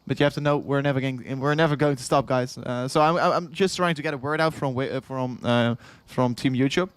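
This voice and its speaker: This young Dutchman speaks with a Dutch accent at medium pitch, a touch fast, with a clear, resonant tone in a dry, close recording with no room sound. Worn out after hours of livestreaming, he rambles through casual chat, repeating himself, chuckling often and reading chat messages aloud.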